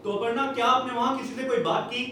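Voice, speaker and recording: Guy playing a formal tv news anchor on a stage, voice way up high, big echoey hall, mic far off. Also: little pitch movement, quick pace, bright, forceful tone, slight background noise. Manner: formal newsreader delivery, crisp handoffs. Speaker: stage actor. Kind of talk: stage play acting. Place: theatre stage.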